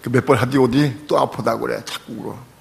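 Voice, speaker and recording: An older man, a pastor, preaching a sermon and telling a personal testimony, moving from quiet storytelling to loud, pleading prayer. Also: mid-range voice, fairly even intonation, quick pace, gravelly.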